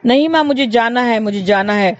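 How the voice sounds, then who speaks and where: A stubborn little boy in a storytelling voice, as a woman puts him on, pitched up and pleading, repeating his demands again and again. The recording sounds dull and lo-fi. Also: brisk, natural voice. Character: small boy, stubborn and whining for his mother.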